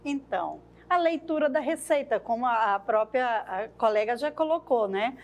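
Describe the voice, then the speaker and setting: A woman's voice: a little high, animated, moderate pace, muffled recording. A woman training teachers, explaining lesson activities at a thoughtful pace and often adding tag questions.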